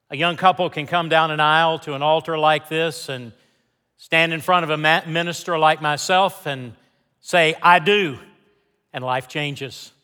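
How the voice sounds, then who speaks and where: A male pastor delivers a sermon in a bright, forceful, high-set voice. He speaks emphatically, repeating key phrases with deliberate dramatic pauses and moving between hushed lines and loud declarations. The sound carries the long reverb of a large sanctuary. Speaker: pastor preaching to a congregation.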